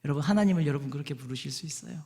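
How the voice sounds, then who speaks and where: A male pastor, preaching a lively sermon and coaxing the congregation to call out and repeat after him. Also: fairly high pitch, very fast, creaky. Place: large church sanctuary. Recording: long hall reverb.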